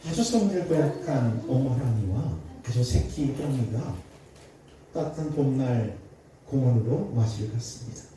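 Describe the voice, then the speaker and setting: A middle-aged male pastor giving a sermon in a church, telling a story and acting out its voices, sometimes shouting angrily. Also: medium pitch, slight background noise. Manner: acts out dialogue in a story, shouting angrily in a raised voice. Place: church sanctuary. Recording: echoey church sound from a distance.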